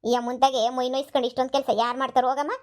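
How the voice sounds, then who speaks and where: A woman's voice: little pitch movement, rapid-fire, lightly acted. A woman voicing a scheming young maid's daughter in a cartoon comedy, urging. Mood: relieved. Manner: urging, plotting in a low voice.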